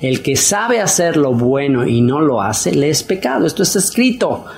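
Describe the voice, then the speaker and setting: A man's voice: big pitch swings, normal speed, creaky, darkish tone. Chatty man preaching with many fillers. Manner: conversational, with fillers and repeated phrases; acts out quoted wives in a higher voice. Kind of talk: casual sermon.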